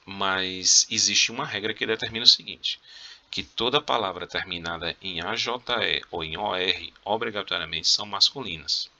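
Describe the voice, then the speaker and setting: A male Spanish teacher with a Brazilian Portuguese accent giving a recorded review lesson, explaining slowly and checking in with his students, coughing now and then. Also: sits low, sharp tone. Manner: explains slowly, checks in with "tá?" and "beleza?", playful teasing.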